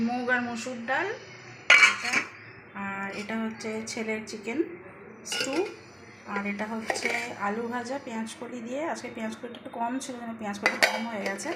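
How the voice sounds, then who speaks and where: A woman's voice: on the high side, echoey room, heavy background noise. Chatty woman vlogging from her kitchen. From Bengal. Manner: chatty, talks while cooking and cleaning. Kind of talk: casual vlog narration to viewers. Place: home kitchen.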